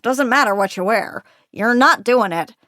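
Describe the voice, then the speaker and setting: Female narrator as gruff male editor, cozy mystery audiobook, bossy, emphatic, blunt, dry close sound. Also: fairly high pitch, normal speed, pushed and bright, dry recording. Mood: firm, dismissive. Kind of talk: audiobook character dialogue.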